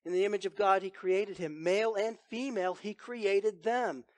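A man preaching a sermon as pastor, reading scripture and then driving his points home in earnest, with emphatic rises and hushed drops. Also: high voice, steady tone, normal speed, no echo.

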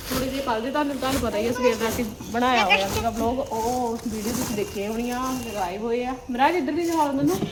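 A woman's voice: fairly high pitch, fast, hardly any pauses. A woman chatting casually as a family vlogger and mother, out in a home garden. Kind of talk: casual home vlog chat. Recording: clearly noisy home phone recording.

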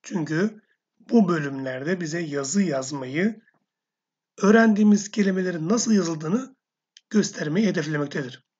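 A woman gives a recorded vocabulary lesson in a low, husky voice. She speaks slowly, saying each word and then repeating it or giving its meaning. The recording sounds dull and lo-fi. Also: a little mellow. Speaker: Arabic teacher.

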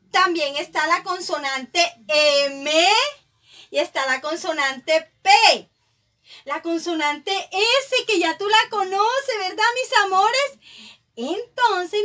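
A woman teaching a kindergarten lesson to young children, praising warmly and calling them sweet names in a sing-song way. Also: very high voice. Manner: slow, sing-song praise with many endearments.

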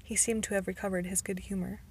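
A woman's voice: mid-range voice, little pitch movement, quick pace, a little mellow, breathy edge. A woman narrating a novel in the first person as an amateur audiobook reader, with occasional stumbles and restarts.

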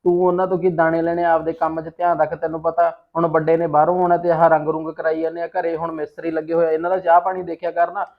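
A man's voice: a little high, completely flat delivery, quick pace, few pauses, lightly acted. A man as a lecturing village husband. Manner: lecturing, scornful tone. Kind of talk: amateur short-film acting. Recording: dull lo-fi sound.

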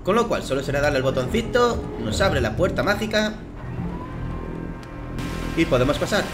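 A young man with a Spain Spanish accent, his voice slightly hoarse from just waking, narrates a let's play in an excitable way, swearing freely. His pitch sits a little high and swings widely. Game music plays clearly behind him. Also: normal speed. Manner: excitable, swears and laughs at enemies. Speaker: gaming commentator.

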